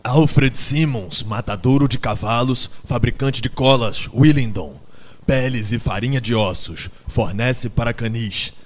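A man voicing a grumpy old male donkey who shouts in alarm, in an audiobook. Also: mid-range voice, measured pace, natural voice. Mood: exasperated. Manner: urgent shouting.

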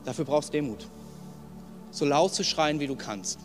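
A young man preaching a sermon in a personal, emphatic way, dropping to soft lines and rising to loud ones. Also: a little high, moderate pace. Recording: long hall reverb with faint music.

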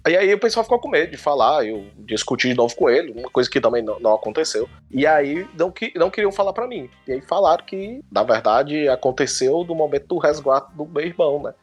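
A young man with a Cearense Brazilian accent telling a story on a podcast, animated and quoting himself in quick bursts. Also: a little high, slightly rough, lo-fi sound, faint music behind. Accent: Cearense Brazilian Portuguese. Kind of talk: casual storytelling.

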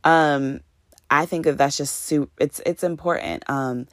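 In a deep, somewhat slow voice, a late-twenties woman who consults for businesses runs her own motivational podcast, treating listeners as family and preaching in an upbeat way. The audio is clean studio sound without any room ambience.

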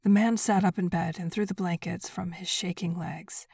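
A woman narrating a story in a soft, breathy whisper, hushed and even. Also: fairly low pitch, normal speed, no echo, clean studio sound.

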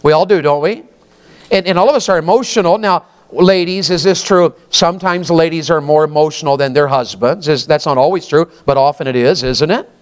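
Preacher guy in his 50s, folksy sermon, smooth clear voice a bit on the high side. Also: brisk. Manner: folksy, asks the congregation questions often.

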